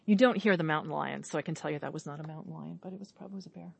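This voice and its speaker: A woman's voice: low voice, very fast, creaky, husky. A woman talking in an enthusiastic, rambling way, full of "like", in a casual outdoor conversation in the woods. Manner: enthusiastic, rambling, heavy use of "like". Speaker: guest on a podcast. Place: outdoors in woodland.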